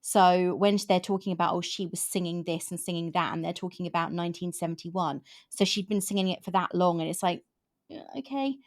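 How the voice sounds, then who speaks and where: A woman in her fifties hosts a relaxed book discussion. Her voice sits a little low, and she wanders through her thoughts, often restarting her sentences. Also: brisk, few pauses. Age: 50s. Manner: rambling, with frequent restarts. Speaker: podcast host. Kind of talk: casual book chat.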